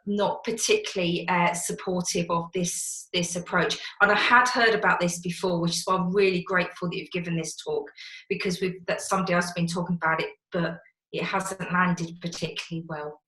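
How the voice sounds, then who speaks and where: A woman's voice: lowish voice, steady tone, brisk, pushed and bright. Woman in an echoey shed. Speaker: counsellor in private practice. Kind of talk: audience question on a webinar. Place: garden shed. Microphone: video call. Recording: echoey small room.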